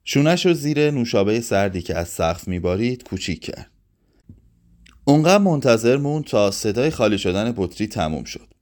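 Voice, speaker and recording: A man reading a literary short story aloud in a measured, expressive way. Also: lowish voice.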